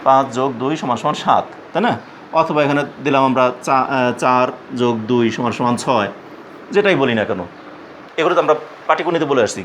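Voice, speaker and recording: A man's voice: medium pitch, a little hiss or hum. Patient man teaching a math lesson. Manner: patient, repetitive explaining with frequent fillers and questions.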